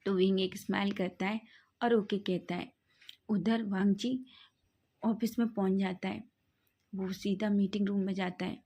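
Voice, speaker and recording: A woman retelling a romance fan fiction story in a casual, animated way. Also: mid-range voice, unhurried, long pauses.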